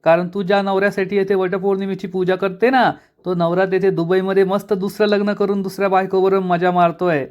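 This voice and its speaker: A man's voice: high-pitched, level tone, a little fast, hardly any pauses, darkish tone, dull audio, natural voice. Grumpy short-tempered old villager, read by a man. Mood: irritated. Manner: angry, mocking retorts.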